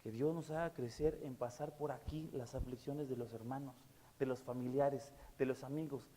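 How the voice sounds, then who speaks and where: A man's voice: medium pitch, fairly even intonation, moderate pace, warm tone, in a large hall, slight background noise. A man preaching a sermon as pastor, earnest and repeating key words, with many fillers. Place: church.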